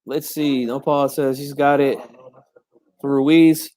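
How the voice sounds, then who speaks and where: A man's voice: mid-range voice, level tone, slow pace, a little mellow. A man giving informal blow-by-blow boxing commentary for a live stream, in short clipped phrases, chatting to viewers like friends.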